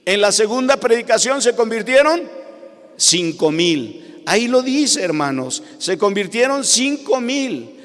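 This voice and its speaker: High-voiced preacher in a reverberant hall. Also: male voice, sing-song, unhurried. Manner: swings between hushed pleading and loud preaching. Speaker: pastor. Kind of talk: sermon.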